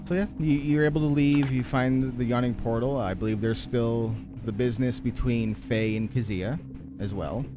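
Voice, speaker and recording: A man's voice: mid-range voice, fairly even intonation, normal speed, over music. A man casually bantering and narrating as game master of a tabletop roleplaying game.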